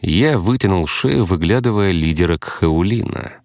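A man reading an audiobook in a steady, matter-of-fact narration. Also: low voice, measured pace, creaky, dry recording, clean studio sound. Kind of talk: scripted narration.

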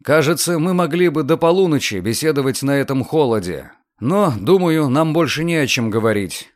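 A man's voice: a little high, expressive, normal speed, dry recording, clean studio sound, lightly acted. Man doing a confident young lawyer. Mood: insistent.

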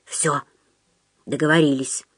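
A woman voicing a manipulative male psychiatric patient who talks in a low, insistent, conspiratorial way. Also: measured pace, slightly rough, dry recording, studio quality. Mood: scheming.

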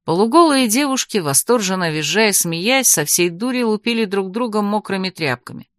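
A woman reading a first-person story aloud as an audiobook narrator, in a lively, wry manner. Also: medium pitch, normal speed, dry recording, clean studio sound.

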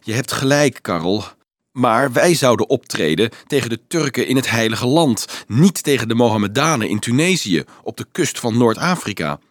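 An earnest teenage boy addressing a crowd of children, halting at first and then pressing and eager, as a man reads him aloud. His delivery rises and falls in a lively way. The storybook recording is dry and close. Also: mid-range voice, no room sound, voice pushed up, lightly acted. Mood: urgent. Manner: hesitant, then urgent and explaining. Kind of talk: audiobook reading.

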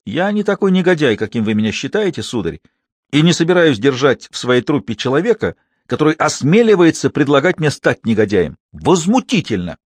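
A man's voice: fairly high pitch, sing-song, brisk, no room sound, studio quality, pitched above the performer's own voice. A man voicing a pompous, aging theatre manager who thunders with outrage. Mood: outraged. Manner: blustering, outraged.

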